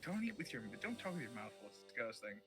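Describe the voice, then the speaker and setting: A man's voice: mid-range voice, very animated, fast, a bit bright, faint music behind. A man doing casual esports commentary, teasing his co-caster in dry, playfully formal phrasing. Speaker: esports shoutcaster.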